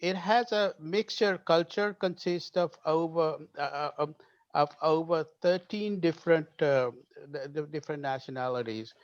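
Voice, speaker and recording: Man from Pakistan and Britain, smooth voice, earnest and halting, dry lo-fi sound. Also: a little high, dry recording. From Pakistan, raised in Britain. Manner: earnest, with many hesitations. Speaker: podcast guest. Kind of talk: conversational panel talk. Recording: dry, dull lo-fi audio.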